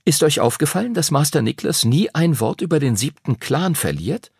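A man's voice: on the high side, sing-song, moderate pace, creaky, a little mellow, breathy edge, no room sound, studio quality, pitched above the performer's own voice, exaggerated voice. A man voicing a know-it-all young boy pupil who explains things eagerly. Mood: explaining.

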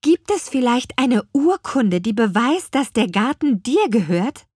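A woman's voice: on the high side, very animated, measured pace, slightly rough, dry recording, studio quality, voice pushed up, full character voice. Woman doing an eager little apple witch girl. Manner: bright, pleading, eager delivery. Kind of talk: audiobook character voice.

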